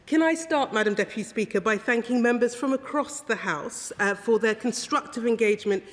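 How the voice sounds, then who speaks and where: A woman's voice: a little high, brisk. Woman minister addressing a reverberant chamber. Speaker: government minister. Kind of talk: formal parliamentary speech. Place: large parliamentary debating chamber.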